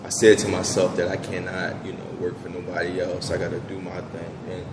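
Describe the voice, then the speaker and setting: A man's voice: low voice, completely flat delivery, brisk. A young man, answering interview questions in a laid-back way with many fillers. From Southwest Philadelphia. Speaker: business owner guest. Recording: echoey room with background noise.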